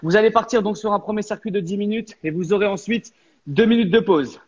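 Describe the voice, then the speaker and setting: A man's voice: high-pitched, a little fast. A man coaching a live workout session, explaining exercises with energy, from an empty gym. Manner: energetic, counts down reps. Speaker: fitness coach. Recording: echoey, dull hall sound.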